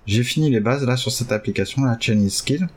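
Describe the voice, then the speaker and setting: A man hosting a casual chat who hesitates a lot and jumps up excitedly in pitch now and then. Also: brisk. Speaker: podcast host learning Chinese.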